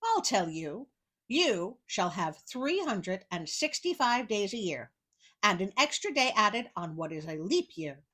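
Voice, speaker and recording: A woman voicing a huge, dim and rude male giant in a read-aloud storybook, speaking in a loud, bossy, blustering way. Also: medium pitch, sing-song, measured pace, full character voice.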